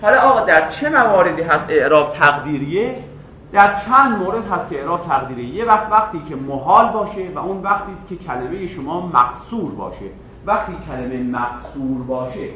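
A man gives a grammar lecture in a classroom, sharp and forceful in tone and a little higher than most men. He keeps asking his students questions and then answering them himself. He is recorded from across a strongly echoing room with a faint hiss. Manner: stretches out example words slowly. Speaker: Arabic grammar teacher. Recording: echoey room, voice from a distance.

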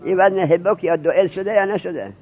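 Man drilling grammar over a tinny line. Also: high-pitched. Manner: questioning, drilling students. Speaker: seminary teacher. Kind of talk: Arabic grammar lesson in Persian. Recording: tinny lo-fi narrowband recording.

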